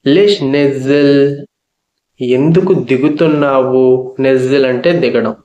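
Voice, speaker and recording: Slow, patient male language teacher. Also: mid-range voice, dark tone, reverberant, lo-fi sound. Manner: slow, patient, repeats each phrase and its meaning. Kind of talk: spoken language lesson.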